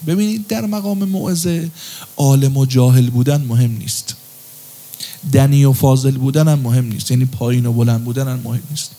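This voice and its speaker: Brief: male preacher, mellow tone, fairly high voice, chatty sermon delivery. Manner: conversational, sometimes chants a line in a sung tone.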